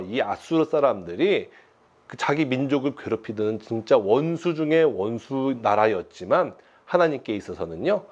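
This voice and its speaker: A man in his thirties, a pastor giving a lively children's sermon from his home, speaking to the kids with playful storytelling. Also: medium pitch, dull audio. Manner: animated storytelling to children, acting out quotes.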